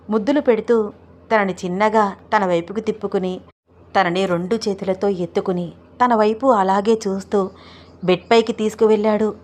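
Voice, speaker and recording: Woman storyteller, romance narration, mid pitch, smooth, steady.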